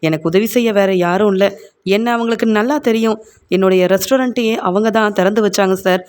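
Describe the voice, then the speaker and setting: A man's voice: high voice, brisk, clean tone, lightly acted. A man voicing a distressed middle-aged mother, pleading and tearful.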